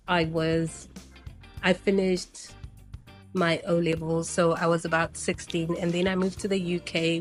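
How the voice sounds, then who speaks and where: A woman from Zimbabwe, around her thirties, chatting casually to camera as a travel vlogger, meandering with frequent ums. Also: lowish voice. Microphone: new personal microphone set.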